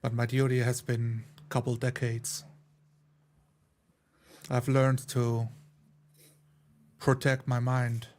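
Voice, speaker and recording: A man with a mid-range, slightly mellow voice plays a tabletop roleplay game, voicing restrained, hesitant in-character lines and narrating what he does. He speaks slowly and in a monotone, with long pauses and broken phrases.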